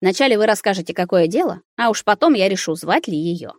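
A woman voicing a proud, skeptical male dark lord ruler in a storybook reading, speaking dryly and reasonably. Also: medium pitch, animated, fast talker, no echo, studio quality, lightly acted.

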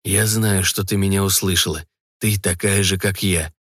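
Weary battered vampire, low and calm in a dark storybook voiced by a man. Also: moderate pace, no room sound, studio quality.

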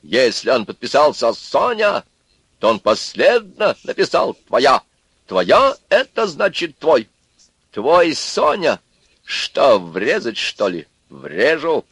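A man's voice: mid-range voice, wildly swooping pitch, slow, a bit bright, husky, no room sound, voice pushed up, heavily acted. Man doing a blustering, cornered husband. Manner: blustering, defensive. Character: flustered bullying husband, man, middle-aged.

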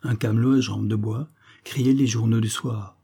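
A man narrating an audiobook in a steady, dramatic storytelling manner. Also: lowish voice, moderate pace, gravelly, husky.

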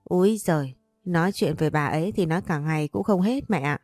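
A woman reads a cheeky young son in a storybook, brash and offhand. The voice is lowish and quick, recorded close and dry with faint music. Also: a little mellow, no echo. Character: cocky lazy young man, careless son.

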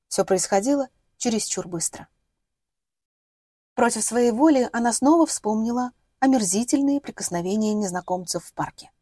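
Woman reading an audiobook, calm measured pace, mellow dry sound. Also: mid-range voice, slightly rough, no echo. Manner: steady, measured storytelling. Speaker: audiobook narrator. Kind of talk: scripted narration.

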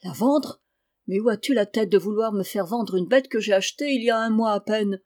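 A woman reads the part of a gruff, blustering farmer father from a classic storybook, giving him a plain, mid-pitched voice. Her brisk, darkish, lightly acted reading stays close to her own natural tone.

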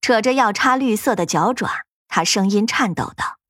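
A woman narrating a fantasy ghost story in an expressive, dramatic storytelling manner. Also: mid-range voice, normal speed, no room sound, clean studio sound.

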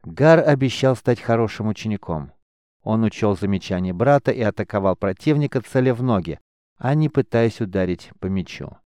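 A man narrates a fantasy audiobook in a measured, even way. His voice sits low and smooth, recorded dry and close to the mic. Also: dry recording. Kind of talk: scripted narration.

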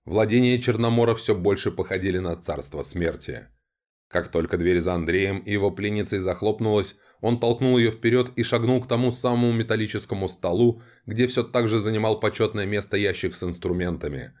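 Male audiobook narrator, low voice, measured scripted reading. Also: a little mellow.

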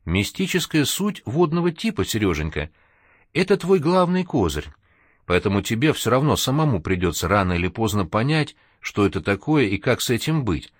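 A man's voice: fairly low pitch, sing-song, moderate pace, husky, no echo, studio quality. Man voicing a caring, encouraging young woman. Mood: lively. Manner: soothing, encouraging. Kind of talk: audiobook character reading.

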